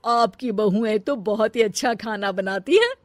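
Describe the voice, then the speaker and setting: Woman voicing a gushing, drawn-out visiting aunt. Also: mid-range voice, no echo, natural voice. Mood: admiring. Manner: drawn-out, effusive. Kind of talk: cartoon family drama acting.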